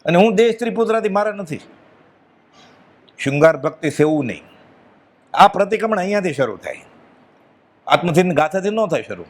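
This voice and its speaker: This man's voice sits high, with lively intonation, a brisk pace and frequent pauses. Speaking with a Gujarati accent, the spiritual speaker gives an earnest, emphatic devotional discourse, lowering his voice to quote others.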